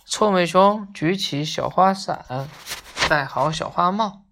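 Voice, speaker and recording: A woman reading a children's story aloud in a gentle, unhurried way. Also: lowish voice, noisy background.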